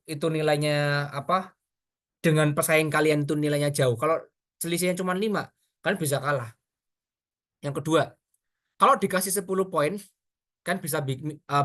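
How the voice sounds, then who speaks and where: A man giving an informal public speaking workshop, chatty and animated, talking straight to his audience with asides and quick examples. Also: fairly high pitch. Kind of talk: casual online workshop talk.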